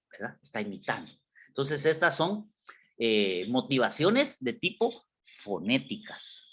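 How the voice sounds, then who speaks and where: A man's voice: medium pitch, a bit bright, a little hiss or hum. A man giving a classroom lecture, explaining with examples and often checking in with his students. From Guatemala. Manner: explains with examples, checks in with repeated tag questions. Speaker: university lecturer.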